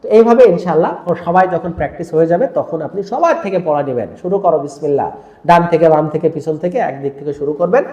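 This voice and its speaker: Male Quran teacher, high pitch, roomy echo, patient drill-and-quiz delivery. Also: fast talker, few pauses, dark tone, lo-fi sound. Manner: drills pronunciation, quizzing with questions. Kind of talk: teaching lesson to other teachers.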